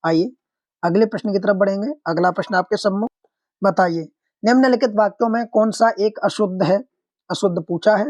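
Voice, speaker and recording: A man's voice: high-pitched, normal speed, a little mellow, no echo. A man teaching an online exam-prep lesson, explaining answers step by step, putting questions to viewers and calling them friends.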